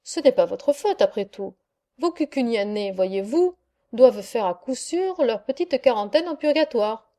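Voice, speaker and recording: Saint Peter, an elderly keeper of heaven's gate, talks in an unhurried, fatherly way, as a woman narrator puts him on. It is a high voice with a soft, mellow tone, and it takes its time over each phrase of the storybook. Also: expressive. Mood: reassuring. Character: Saint Peter, kindly old gatekeeper of heaven.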